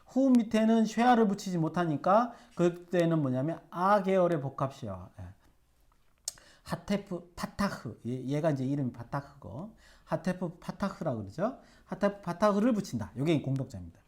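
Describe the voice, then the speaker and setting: A man teaching Hebrew grammar at a whiteboard. He sounds out syllables slowly, keeps checking in with his students with quick rhetorical questions, and fills pauses with "예" and "어". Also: on the high side, big pitch swings, darkish tone. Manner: frequent "예" and "어" fillers. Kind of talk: whiteboard lecture. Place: classroom at a whiteboard.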